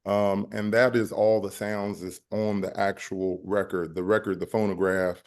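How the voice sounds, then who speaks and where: A man explaining music copyright on a panel in a measured way, pausing often with fillers. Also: fairly low pitch, level tone.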